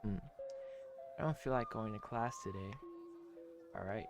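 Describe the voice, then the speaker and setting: A man giving quiet, rambling commentary while playing a story game, with game music behind. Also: on the low side, measured pace. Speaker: let's play streamer.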